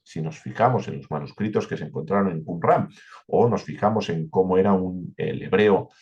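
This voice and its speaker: Husky Spanish man teaching Bible study. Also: low voice, moderate pace, darkish tone, highs cut off. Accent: Spain Spanish. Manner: explains step by step, asks and answers own questions. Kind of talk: verse-by-verse Bible study lecture.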